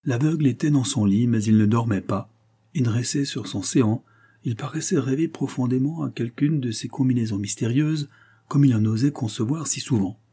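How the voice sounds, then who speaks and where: A man narrating a classic novel as an audiobook, in a measured literary reading. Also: medium pitch, mellow, slightly rough. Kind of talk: scripted narration.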